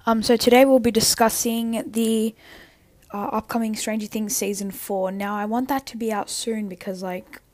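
A young woman sick with tonsillitis, chatting casually and haltingly on a solo podcast, rambling and interrupting herself. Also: fairly high pitch, flat delivery, darkish tone. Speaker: podcast host.

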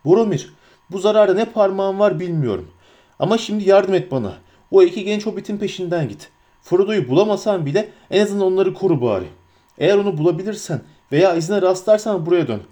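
A man's voice: sits high, animated, quick pace, dark tone, pitched above the performer's own voice. A man doing a stern, commanding ranger chief. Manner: firm, commanding. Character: stern grave male ranger leader, grown man.

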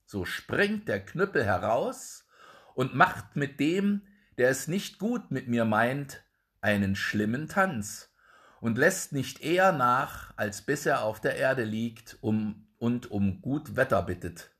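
A man voicing a confident young craftsman son in a calm, measured way, close to his own voice. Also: medium pitch. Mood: firm.

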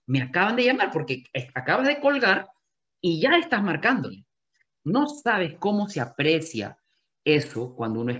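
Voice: mid-range voice, lo-fi sound. A real estate sales coach giving an emphatic coaching talk to agents, often repeating key phrases.

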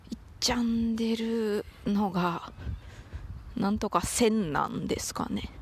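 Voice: medium pitch, a little hiss or hum. A podcast host with a Toyama dialect accent chats casually and playfully, often using mock-formal phrasing, while out walking a dog. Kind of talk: casual solo podcast chat.

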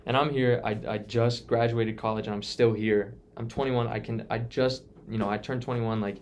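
Medium-pitched and fairly even in intonation, this early-twenties man talks at a moderate pace over slight background noise. It's a casual podcast conversation, and he comes across as earnest and thoughtful, frequently starting his sentences over.

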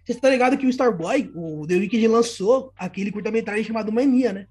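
A man's voice: sits high, fast talker, a little mellow. A young man with a Brazilian Portuguese accent chats about music in a loose, slangy style. He speaks as a podcast panelist, informally and with the odd swear word. Faint music plays behind him. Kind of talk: casual music discussion.

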